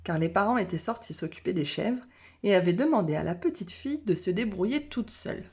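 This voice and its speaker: A woman teacher reading a children's storybook aloud in a calm, measured way. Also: medium pitch, breathy edge. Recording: dull lo-fi sound.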